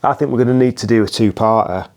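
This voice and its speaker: A man's voice: mid-range voice, fast talker, gravelly, a little mellow. A man hosting a podcast, asking easygoing, roundabout questions in casual conversation. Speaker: podcast host.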